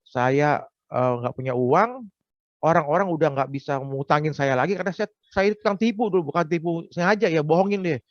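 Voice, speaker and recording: A man's voice: fairly high pitch, no echo. Frank man giving a personal testimony. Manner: frank, confessional storytelling. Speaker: testimony speaker. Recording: dull, dry lo-fi recording.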